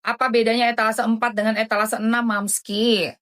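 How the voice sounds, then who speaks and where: A woman with a slightly high voice gives gossipy live-stream commentary. She sounds dramatic and indignant, and she drops endearments between her remarks. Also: flat delivery, fairly quick, fairly bright tone.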